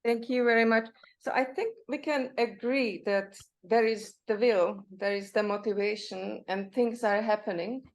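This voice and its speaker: A woman's voice: on the high side, steady tone, normal speed. Polite woman panel moderator. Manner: polite, inviting, reflective.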